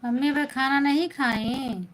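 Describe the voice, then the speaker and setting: A woman with an Awadhi accent, a folk singer chatting casually with viewers on a live stream from home at night, greeting them warmly and answering their comments. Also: sits high, unhurried, a little hiss or hum, poor audio. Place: at home at night, others asleep.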